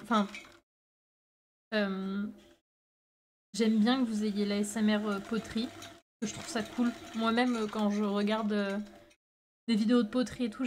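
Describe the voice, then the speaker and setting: Higher-voiced woman chatting casually on stream. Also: a little hiss or hum. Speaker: live streamer making pottery. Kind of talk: casual chat with stream viewers.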